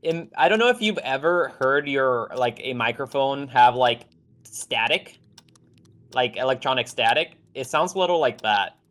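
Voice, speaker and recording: A man playing a co-op puzzle game, talking hesitantly with lots of pauses and restarts. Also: medium pitch, lively intonation, a bit bright. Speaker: co-op partner. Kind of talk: casual co-op game chat.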